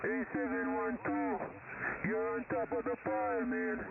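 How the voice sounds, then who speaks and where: A man's voice: high voice, wildly swooping pitch, unhurried, creaky. A man calling out contacts over a crackly, mistuned ham radio, repeating call numbers and places. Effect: mistuned ham radio, crackly receiver sound. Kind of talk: on-air radio calls. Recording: tinny static-filled radio speaker.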